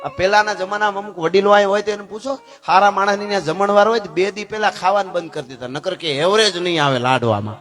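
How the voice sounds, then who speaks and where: A man telling a folk tale in a lively, conversational way, full of jokes and asides to the audience. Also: high voice, fast, hardly any pauses, faint music behind. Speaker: folk storyteller. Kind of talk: folk storytelling to a live audience.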